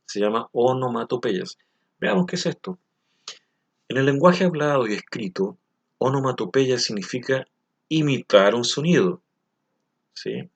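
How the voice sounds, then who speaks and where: A man teaching a recorded lesson, explaining things patiently and often stopping to ask whether the listener follows. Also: medium pitch. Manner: patient, explains slowly, asks frequent check questions. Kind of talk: recorded language lesson for children.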